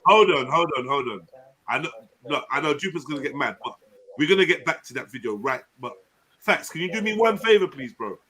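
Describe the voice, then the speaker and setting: A man's voice: a little high, lively intonation, a little fast, sharp tone. A man with a south London accent, bantering casually as he hosts a live online panel. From Peckham, south London. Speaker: live panel show host.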